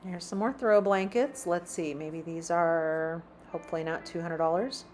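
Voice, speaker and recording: A woman narrates a relaxed shopping vlog in a large store, reading out prices while walking. Her low-ish voice is a little mellow, fairly even in intonation, and at a normal pace, with a bit of hiss or hum in the audio.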